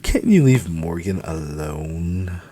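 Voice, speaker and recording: A man's voice: low-pitched, expressive, takes it slowly, dark tone, slightly rough, exaggerated voice. A man voicing a snobby, condescending young heiress who talks in a patronizing, clipped way. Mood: snobby, snappish.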